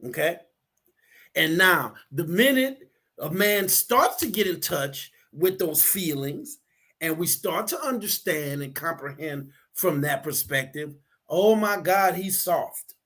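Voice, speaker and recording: A man's voice: fairly high pitch, lively intonation, slow pace, sharp tone. A man talking earnestly and explaining his ideas, often restarting and repeating words. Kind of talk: casual discussion.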